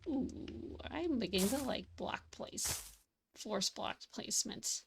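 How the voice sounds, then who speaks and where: Chatty woman with a gravelly voice. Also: medium pitch, expressive, measured pace, background noise. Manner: chatty, self-deprecating, thinks aloud while building. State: losing her voice. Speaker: streamer. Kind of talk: casual gaming livestream commentary.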